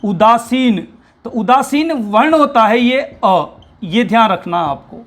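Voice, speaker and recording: With an extremely high, slightly bright voice, lively intonation and an unhurried pace, a man teaches Hindi grammar in a classroom lecture. He's patient, poses questions only to answer them himself, and keeps reminding students to pay attention.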